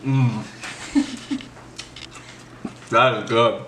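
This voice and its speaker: A man's voice: mid-range voice, big pitch swings, drawn-out words. A young man, the host's younger brother, tasting baked goods and joking in a laid-back way. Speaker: guest taste tester. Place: home kitchen. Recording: echoey kitchen, loud background noise.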